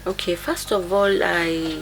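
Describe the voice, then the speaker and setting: A woman's voice: lowish voice, fairly even intonation, unhurried, vocal fry, background noise. A woman with a Kenyan accent, a guest at home telling her own story, switching between languages and answering with short affirmations. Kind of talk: personal account in an interview.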